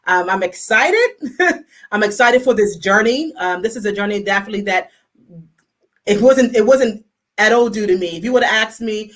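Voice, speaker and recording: An energetic woman with a Bermudian accent, speaking as a guest on a casual talk show. Her voice sits at an ordinary middle pitch for a woman, and her delivery is upbeat and enthusiastic. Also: moderate pace. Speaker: guest, fashion designer.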